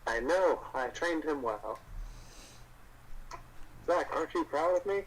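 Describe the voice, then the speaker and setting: A man's voice: a little high, expressive, slow pace, a little hiss or hum, low-quality recording. A man playing a tabletop game, chatting casually in a playful, joking way. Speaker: player.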